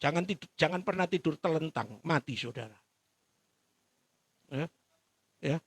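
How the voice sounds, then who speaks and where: A man's voice: a little high, animated, measured pace, husky, no echo. A man with an East Javanese accent preaching a sermon in church, telling the story with animation and calling out to the congregation. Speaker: pastor.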